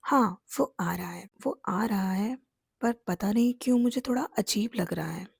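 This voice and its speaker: A woman's voice: medium pitch, measured pace, vocal fry, slightly rough, no room sound, studio quality. A woman reading the lines of a flustered young man in a storybook romance. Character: fretful young man Jimin, groom's friend.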